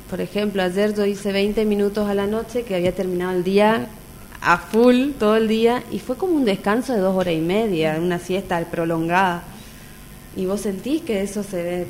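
A woman's voice: medium pitch, a little mellow, slight background noise. A woman with an Argentine accent, a mother sharing her personal experience in an open, earnest conversational way. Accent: Argentine Spanish.

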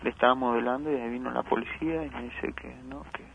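A man's voice: mid-range voice, fairly even intonation, creaky, over a noisy crowd. Grieving man on a tinny phone line. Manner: halting, repeats words, emotional. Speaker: interviewed father. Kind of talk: phone interview.

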